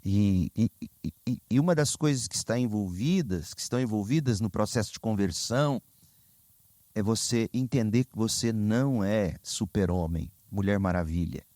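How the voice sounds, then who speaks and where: A Brazilian man preaching a sermon as pastor, telling stories with lively, sudden high exclamations. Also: normal speed, no echo. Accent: Brazilian Portuguese. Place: church sanctuary.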